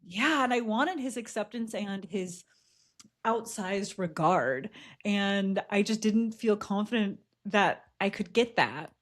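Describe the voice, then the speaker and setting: A woman's voice: mid-range voice, animated, slow. A woman co-hosting a podcast, telling a personal story in a candid, reflective way, with frequent laughs and fillers. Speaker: podcast co-host. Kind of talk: casual chat, personal storytelling.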